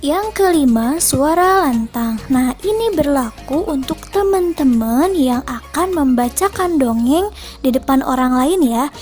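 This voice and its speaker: A woman teacher giving a lesson and then reading a story aloud, speaking clearly and deliberately. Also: high voice, darkish tone. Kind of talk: classroom lesson and storybook narration.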